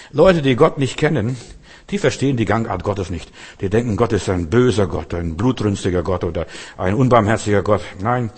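Male preacher, husky voice, impassioned sermon with sudden loud and soft swings, direct address. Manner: fervent, swings between loud outbursts and low murmurs; addresses listener directly with questions.

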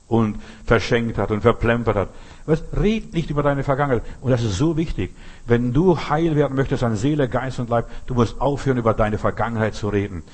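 Husky-voiced man preaching a sermon. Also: mid-range voice. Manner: emphatic, addresses listener directly, rhetorical questions.

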